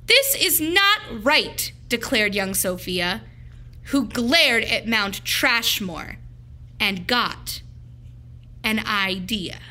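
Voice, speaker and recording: Her voice on the high side, a woman teacher reads aloud from a picture book for children. Her delivery is deliberate, expressive, and full of emphasis.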